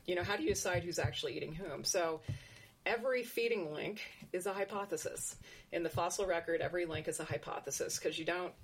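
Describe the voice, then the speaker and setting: A woman's voice: fairly low pitch, fast, slightly rough. A woman researcher explaining her work in conversation, thinking aloud with frequent restarts and asides.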